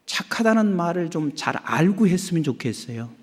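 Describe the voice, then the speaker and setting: A middle-aged male senior pastor preaching with a high, lively voice that swings from hushed asides to loud exclamations. He keeps putting questions to his listeners. His words ring out with the long reverb of a big church hall. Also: normal speed, husky. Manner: asks the congregation questions. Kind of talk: sermon. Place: large church sanctuary.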